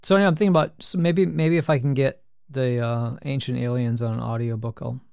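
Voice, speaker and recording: Gravelly man rambling in casual chat. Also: medium pitch, steady tone, fairly quick, darkish tone, no room sound, studio quality. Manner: rambling, with many restarts and hesitations. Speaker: podcast co-host.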